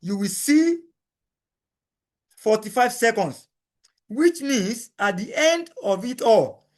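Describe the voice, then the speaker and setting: High-voiced man explaining step by step. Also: big pitch swings, slow. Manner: repeats each step, plain explanatory. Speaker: instructor. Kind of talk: screen-recording software tutorial.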